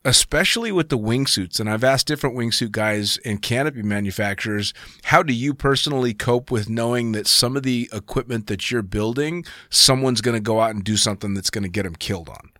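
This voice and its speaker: A man's voice: medium pitch, brisk, few pauses, pushed and bright, dry recording, studio quality. A man hosting a podcast, interviewing casually with rambling, wordy lead-ins to his questions. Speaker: podcast host.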